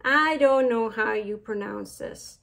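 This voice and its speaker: Her voice fairly high, creaky and a bit bright, a middle-aged Mexican woman talks through makeup products as a beauty vlogger. The chat is unhurried and casual, full of fillers and drifting asides, in a Mexican Spanish accent.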